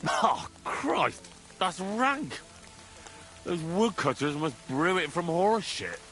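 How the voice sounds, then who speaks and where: A man's voice: sits high, big pitch swings, slow, fairly bright tone, exaggerated voice. An actor playing a boastful, cocky young man in a video game, bragging and swearing as he drinks.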